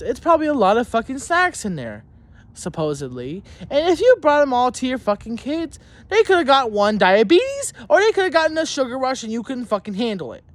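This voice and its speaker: A young man, a student, ranting angrily to camera about teachers, rambling, swearing heavily and restarting his sentences. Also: extremely high pitch. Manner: heated and indignant, mocking in tone. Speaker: student telling a school story. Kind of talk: angry profane rant to camera.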